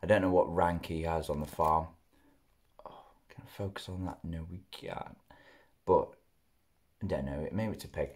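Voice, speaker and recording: A young man with a fairly low voice rambles casually through a food review in his living room. He chats close to the camera and often talks with food in his mouth. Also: steady tone, normal speed, pauses often, darkish tone. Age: young adult. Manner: chatty, rambling, mouth often full while chewing. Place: living room at home, indoors. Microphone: camera close in front.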